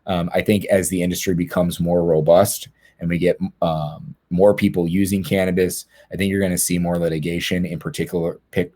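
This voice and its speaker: Low, flat-voiced man on a webinar. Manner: earnest, repeats words as he restarts phrases. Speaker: lawyer on a panel. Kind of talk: webinar panel talk.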